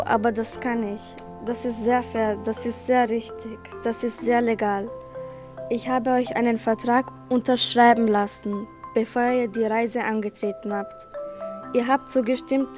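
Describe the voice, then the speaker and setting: In a school radio play, a woman plays a smug, gloating famous author who declaims in repeated phrases, sounding smug and insistent. Her fairly high voice keeps fairly even intonation at a measured pace, close to her everyday voice, with a music bed behind it.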